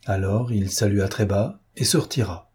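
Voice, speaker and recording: A man narrates a classic novel at a measured, steady pace, telling the story with care. His voice is low and mellow, with a slight husky grain. The delivery is controlled and even throughout. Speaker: audiobook narrator. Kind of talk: scripted narration.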